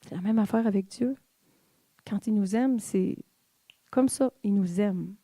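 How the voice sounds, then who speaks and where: A woman's voice: mid-range voice, measured pace, warm tone, no room sound. A woman with a Québécois accent giving a personal testimony sermon to a church, candid and confiding as she speaks straight to the congregation. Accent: Québécois French. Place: church in Quebec.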